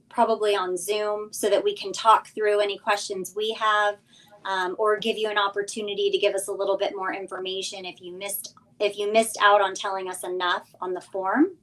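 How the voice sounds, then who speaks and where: On a remote livestream, a woman appears as a guest sponsor and business coach, speaking informally as she explains details and urges listeners to take action. Her voice is medium-pitched and fairly bright, though the audio quality is poor.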